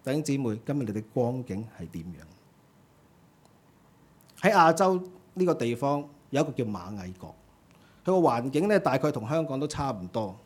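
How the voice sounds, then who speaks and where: A man's voice: mid-range voice, big pitch swings, moderate pace, pauses often, slightly rough. Earnest preacher man. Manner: earnest, exhorting, swings between emphatic and quiet. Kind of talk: sermon.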